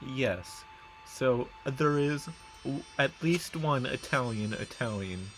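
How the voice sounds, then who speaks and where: A man's voice: medium pitch, animated, slow, a bit bright, faint music behind, poor audio. A man casually commentating a strategy game as he plays, rambling and correcting himself while he reads out place names. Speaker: gameplay commentator. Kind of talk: casual let's-play commentary.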